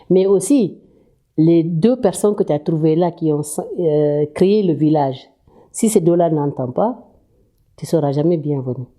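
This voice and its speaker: A woman with a low, very dark voice, explaining an idea plainly through a simple parable. Her manner is steady and explanatory. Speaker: interviewee.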